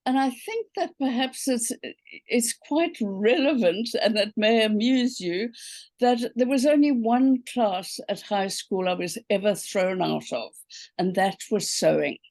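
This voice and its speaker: A woman's voice: a little high, unhurried, a little mellow, no echo. A South African woman in her seventies, a quilting teacher telling her story in a casual interview over a video call, full of ums and okays. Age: 70s.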